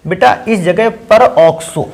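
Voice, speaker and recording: A man with a notably high voice gives a chemistry lesson in a classroom. He explains step by step in a patient way and keeps asking his students questions as he goes. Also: takes it slowly. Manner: patient, addresses students as "beta" and asks them questions. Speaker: chemistry teacher. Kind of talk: classroom lecture.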